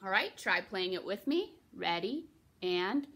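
A woman's voice: medium pitch, very animated, unhurried, heavy background noise. A young woman giving a recorder lesson for children, patiently explaining and encouraging, counting her students in. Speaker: music teacher.

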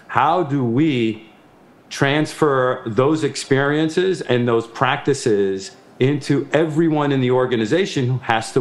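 A man in his fifties, a procurement executive, answering a panel question in a measured, earnest way over a video call from an office. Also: medium pitch, echoey room. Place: office room with window, remote link.

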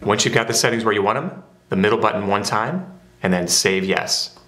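A man's voice: on the low side, fairly quick, bright, forceful tone. A man narrating a step-by-step product how-to in a plain, methodical way. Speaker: product demonstrator. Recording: roomy echo.

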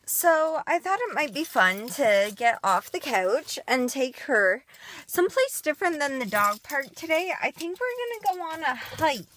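Young woman from Canada, vlogger, slightly high voice, rambling and chatty, unhurried. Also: very animated, fairly bright tone, a little hiss or hum. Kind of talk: casual video diary.

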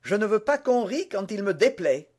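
A man voicing a hot-headed young Gascon swordsman who shouts in indignant fury. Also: high-pitched, sing-song, normal speed, voice pushed up. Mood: furious.

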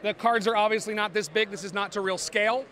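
A man with a high, very bright and forceful voice gives a lively game demo on a convention floor. He jokes with the camera and talks like an eager salesman. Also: quick pace. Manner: playful, animated, jokey salesman. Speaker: board game publisher representative. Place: busy convention hall.

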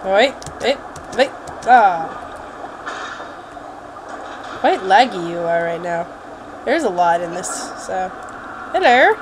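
A woman's voice: mid-range voice, expressive, unhurried, noisy background. A woman giving casual, jokey let's play commentary, exclaiming and muttering to herself as she plays.

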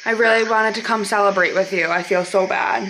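A young woman vlogging casually from her car, chatty and gushing with excitement. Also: medium pitch, brisk, slight background noise. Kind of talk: casual vlog talk to camera. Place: inside a car.

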